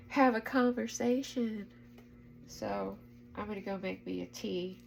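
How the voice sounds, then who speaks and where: A woman's voice: mid-range voice, vocal fry, poor audio. A woman talking in an earnest, emotional way in a spiritual vlog, urging her listeners to act. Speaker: spiritual vlogger. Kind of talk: heartfelt spiritual vlog talk.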